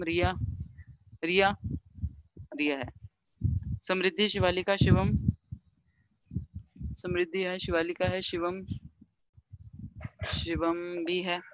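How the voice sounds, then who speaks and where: A woman with a fairly low voice teaches an online class over a video call, explaining step by step and mixing Hindi with English, and briskly reads through an attendance list. The audio has its highs cut off and slight background noise.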